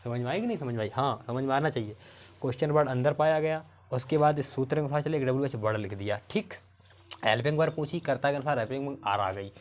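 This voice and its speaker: Male tutor explaining grammar step by step. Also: medium pitch. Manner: explains step by step, asks the pupils questions again and again; slows down to spell out words. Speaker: English grammar teacher. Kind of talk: classroom grammar lesson.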